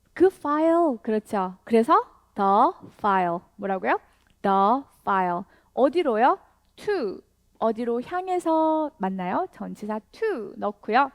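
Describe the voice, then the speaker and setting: A woman leads an English lesson, asking learners to repeat each phrase. Her voice sits a little high and her pace is slow and patient. The recording is close and dry. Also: vocal fry, dry recording. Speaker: English teacher. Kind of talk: step-by-step language lesson.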